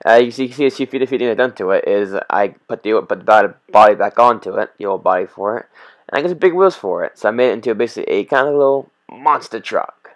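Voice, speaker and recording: A man's voice: fairly low pitch, animated, fast. A man talking muffled through a costume head. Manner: rambling, repeats words and restarts often. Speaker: RC hobby vlogger. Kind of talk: casual hobby vlog.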